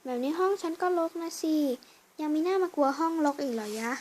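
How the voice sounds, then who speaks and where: A woman performing a fan voice drama, switching quickly between characters. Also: high voice, animated, a little mellow, slight background noise. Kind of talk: fan voice drama with many roles.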